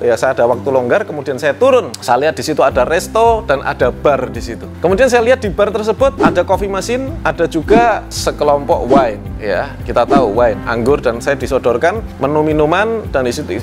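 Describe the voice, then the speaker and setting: A man, a business coach talking straight to the camera and repeating his questions to viewers. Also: fairly high pitch. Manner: asks viewers to answer in the comments, repeats questions. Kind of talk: direct-to-camera talk.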